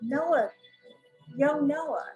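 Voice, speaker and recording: A woman with a high voice talks in an unhurried way as she co-hosts a casual watch-along chat. She narrates the on-screen action and drops dry jokes about it. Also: darkish tone, lo-fi sound, faint music behind. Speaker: co-host of a watch-along show. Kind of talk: casual reaction chat while watching a TV episode.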